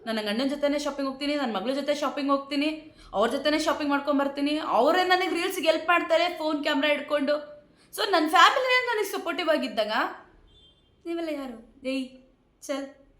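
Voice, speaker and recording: A woman's voice: high-pitched, fast, fairly bright tone. A woman in her thirties with a Kannada accent, talking to camera and indignantly answering her critics with repeated rhetorical questions. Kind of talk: emotional direct-to-camera talk. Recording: echoey room.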